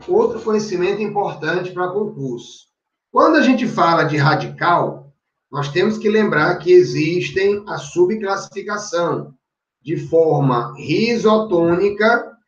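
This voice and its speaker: A man's voice: high voice, animated, takes it slowly. A man teaching grammar for exam prep, explaining step by step and constantly checking the class is following. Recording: echoey room, distant dull mic.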